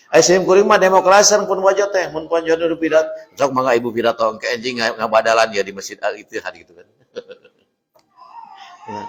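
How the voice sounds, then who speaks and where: Sundanese-accented preacher in an echoey hall. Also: male voice, mid-range voice. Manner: lively storytelling with laughter and asides to the audience. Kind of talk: mosque sermon mixing Indonesian and Sundanese. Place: mosque hall.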